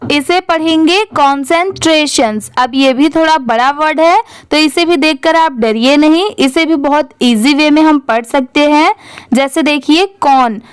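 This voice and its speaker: A woman's voice: high voice, no echo. A woman teaching English reading online, spelling each word letter by letter, asking how to read it and answering herself. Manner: spells words letter by letter, then blends them slowly; asks questions and answers them herself.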